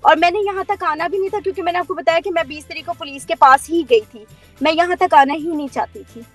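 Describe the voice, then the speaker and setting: High-voiced Pakistani woman, earnest and firm. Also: quick pace, fairly bright tone, faint music behind. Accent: Pakistani Urdu. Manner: earnest, firm, mixes English words in. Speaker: interviewee. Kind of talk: remote interview on a call.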